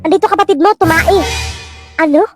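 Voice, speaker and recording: A woman's voice: very high-pitched, brisk, music in the background. A woman with a Filipino accent acting out short comic skits, switching between characters. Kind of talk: comedic POV skits playing many characters.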